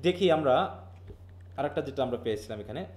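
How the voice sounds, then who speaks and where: A man's voice: mid-range voice, animated, fast, a little mellow, slight background noise. A man from Bangladesh teaches linguistics in a live online class. He explains patiently, mixes in English terms, and keeps asking his students questions.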